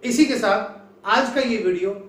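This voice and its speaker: High-voiced teacher in an echoey room. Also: male voice. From North India. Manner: explains slowly, sings scale notes in between. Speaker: music teacher. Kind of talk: classroom lesson with sung notes. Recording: echoey room, mic far off.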